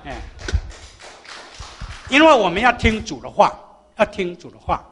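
A man's voice: high voice, very animated, measured pace, slight background noise. A man who is a visiting professor giving a sermon, reading scripture and leading a church group in a hymn. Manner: leads congregation in a hymn, then prays softly. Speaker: guest speaker, professor. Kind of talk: sermon with hymn singing and prayer. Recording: long hall reverb.

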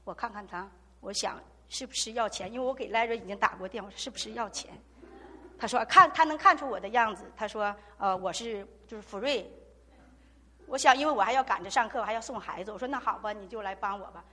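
A woman's voice: medium pitch, fast talker, fairly bright tone. A woman giving an earnest personal testimony at a church gathering, retelling a story with quoted dialogue. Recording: long hall reverb.

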